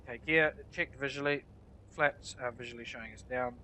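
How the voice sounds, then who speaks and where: A man's voice: mid-range voice, fairly even intonation, fairly quick, sharp tone, slight background noise, poor audio. A man with a nasal, blocked-up voice from a head cold, giving casual explanatory commentary as he plays a flight simulator. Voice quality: nasal, congested. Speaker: flight sim player narrating a tutorial.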